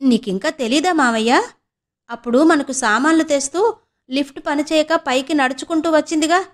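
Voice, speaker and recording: A woman voicing a quick-tongued young student niece who chats, teases and grumbles to herself. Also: high-pitched, voice pushed up, natural voice. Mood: cheeky. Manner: chatty, teasing, grumbling asides.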